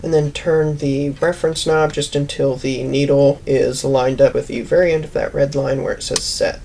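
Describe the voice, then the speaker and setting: In a how-to video, a man with a rather high, darkish voice walks through a hands-on tutorial step by step, plain and methodical. Vehicle ambience is clearly audible in the background.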